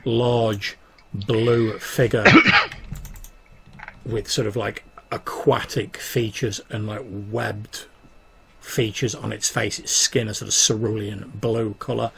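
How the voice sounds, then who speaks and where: A man acting as game master, narrating a tabletop game in a halting, improvised way. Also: lowish voice, flat delivery, vocal fry, a little hiss or hum, poor audio.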